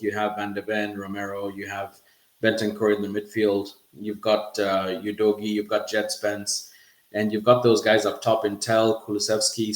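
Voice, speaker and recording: A man's voice: lowish voice, reverberant. A man hosting a casual football podcast, chatting loosely and laughing now and then. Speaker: podcast host.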